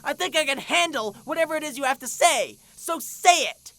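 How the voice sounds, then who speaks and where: A woman's voice: medium pitch, animated, slow pace, no room sound. Twilight, a woman doing a fed-up bookish pony. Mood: exasperated. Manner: clipped, indignant, shouty when pushed. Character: bookish young female pony, high-strung and exasperated. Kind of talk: fan-made abridged parody.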